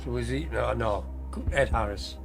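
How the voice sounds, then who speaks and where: A man in a quiz, casually and hesitantly thinking out loud about his answer. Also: mid-range voice, normal speed, vocal fry. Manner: hesitant, mulling over answers. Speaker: quiz contestant. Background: faint music.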